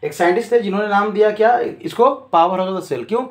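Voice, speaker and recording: A man with a fairly high voice teaches a class, posing questions and answering them himself. He goes over each key term more than once. The room gives his voice a clear echo. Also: quick pace. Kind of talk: classroom lecture. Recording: echoey room.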